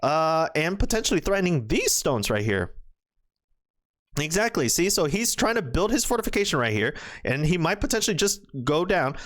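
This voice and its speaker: A man commentating a Go match, thinking aloud with lots of fillers and sudden excited outbursts. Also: fairly high pitch, normal speed. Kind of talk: game commentary.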